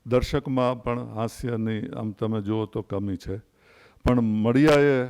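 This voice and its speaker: A man in his sixties giving a literary lecture to an audience, telling anecdotes in a measured way with pauses. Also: mid-range voice, darkish tone, clean tone. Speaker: invited speaker at a literary event.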